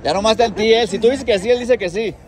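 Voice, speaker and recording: A man's voice: sits high, fast. A young man with a Mexican accent hosts a street challenge, teasing and cheering people on in slangy casual talk, filmed on a handheld phone in a crowded plaza. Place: crowded outdoor plaza by a car. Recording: loud crowd and music outdoors.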